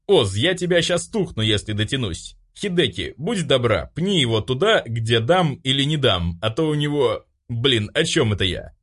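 A man's voice: medium pitch, big pitch swings, normal speed, hardly any pauses, a bit bright, voice pushed up. A man voicing a rowdy, cheeky drunk young man who slurs through boastful toasts. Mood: tipsy.

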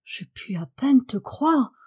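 A woman's voice: high-pitched, sing-song, slow, warm tone, husky, heavily acted. A woman voicing a fretful young housemaid, worried and pleading. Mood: incredulous.

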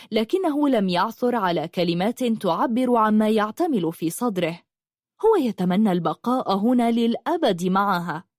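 A woman narrating a novel as an expressive audiobook reader. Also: medium pitch, no room sound, clean studio sound. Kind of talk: scripted narration.

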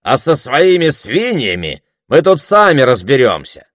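A man's voice: medium pitch, sing-song, unhurried, a bit bright, no echo, clean studio sound, voice pushed up. A man voicing a stern male village prince who speaks firmly and rebukingly.

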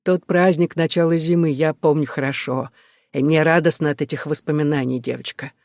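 A man reading the part of a lonely, humorous old widowed uncle in an audiobook, in a reminiscing, gently teasing manner. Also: on the high side, steady tone, fairly quick, no echo, studio quality, natural voice.

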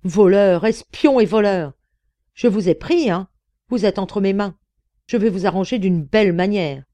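A woman voicing an enraged, heavyset villain who shouts threats at intruders in an audiobook. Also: medium pitch, normal speed, natural voice. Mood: furious. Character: furious hulking middle-aged man, bullying villain.

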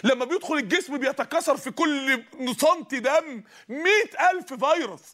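A man with an Egyptian Arabic accent preaching in colloquial style, impassioned, swinging from shouts to hushed storytelling. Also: very high-pitched, expressive, a little fast.

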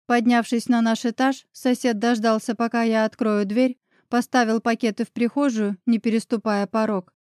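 A woman reads a first-person novel as an audiobook, calm and even in her storytelling. Her voice sits fairly high. The recording is dry and close, with no room sound. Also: moderate pace, dry recording. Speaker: audiobook narrator.

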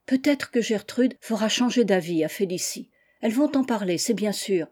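A woman reading the part of a gentle, sorrowful aristocratic mother who speaks softly and patiently, in a mellow voice. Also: mid-range voice, expressive, normal speed, breathy edge. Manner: soft, soothing, patient.

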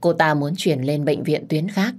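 A woman tells a first-person family story in a plain, steady voice. Her voice sits low and deep for a woman. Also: normal speed.

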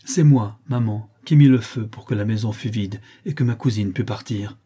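A man's voice: fairly low pitch, moderate pace, dark tone, husky. A man voicing a dignified young countess in an audiobook, speaking in an earnest, pleading yet firm way. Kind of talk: audiobook character reading.

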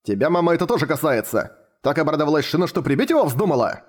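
A man's voice: on the high side, very animated, fast. Man doing a brash young adventurer. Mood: exasperated. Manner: loud, exasperated.

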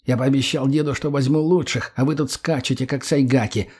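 A man voicing a menacing gang leader who gives harsh, hushed commands. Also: steady tone, a little fast, breathy edge, lightly acted. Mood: hushed fury. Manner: harsh, commanding, low and hissing.

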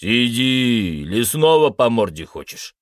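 A man voicing a burly, hot-tempered male brute who shouts accusations in a raised, aggressive voice. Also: mid-range voice, very animated, a little slow, dry recording, clean studio sound. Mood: threatening.

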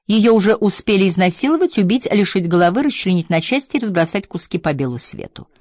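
A woman's voice: mid-range voice, sing-song, fast talker, a little mellow, dry recording, clean studio sound, natural voice. A woman voicing a cynical male agent boss who talks in a raised, sardonic way in an audiobook.

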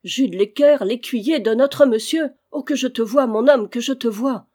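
A woman reading aloud, voicing a fearless, grumbling old woman housekeeper with a hoarse voice. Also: mid-range voice, normal speed, mellow, close to an everyday voice. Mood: overjoyed. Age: over 60. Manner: grumbling, exclaiming.

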